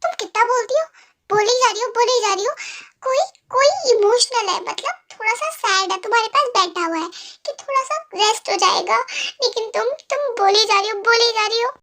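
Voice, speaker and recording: A woman's voice: very high voice, brisk, exaggerated voice. A woman voicing a clingy, emotional young man who pleads and whines at his fiancée in a fan story. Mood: pleading. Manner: pleading and whiny. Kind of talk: Hindi dubbed fan story voice acting. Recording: soft music underneath.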